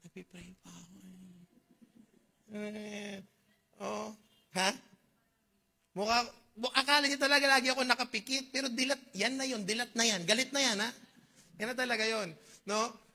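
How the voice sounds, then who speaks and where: A man with a Filipino accent preaching a sermon, reading old-fashioned scripture slowly and asking his congregation questions. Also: very high-pitched, pushed and bright. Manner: mixes Tagalog and English, reads KJV verses slowly; asks the congregation questions, jokes. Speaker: pastor.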